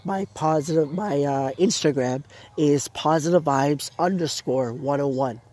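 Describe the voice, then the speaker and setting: Sitting outdoors in his backyard, a man from Canada talks casually on his own solo podcast, rambling with lots of fillers and restarts while a sore throat costs him his voice. He sounds a little high and slightly mellow, keeping a measured pace. Intro music plays behind his voice.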